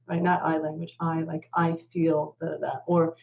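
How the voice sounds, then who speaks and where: A woman's voice: low voice, normal speed, creaky. A woman marriage therapist in an interview, explaining ideas and telling stories that she acts out with quoted voices. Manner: animated storyteller, acts out quoted speech. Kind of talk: conversational interview. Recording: muffled lo-fi sound.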